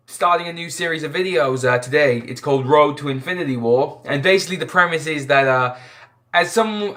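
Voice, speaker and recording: A man's voice: on the high side, fairly bright tone. A young man from Ireland talking casually about films on his vlog, chatty and full of fillers and restarts. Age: young adult. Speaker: film vlogger. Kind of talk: casual film retrospective.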